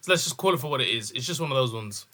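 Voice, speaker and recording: Bright-voiced young London man, street-slang delivery. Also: medium pitch, animated, very fast. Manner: emphatic, repeats phrases. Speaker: football fan channel host. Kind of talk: casual football news commentary with urban London street slang.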